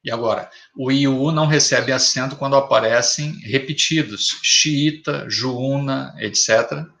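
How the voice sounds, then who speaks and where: A man gives a grammar lesson at a slow, deliberate pace. He sets out examples one word at a time, in a voice of ordinary middle pitch. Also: gravelly, sharp tone. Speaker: teacher.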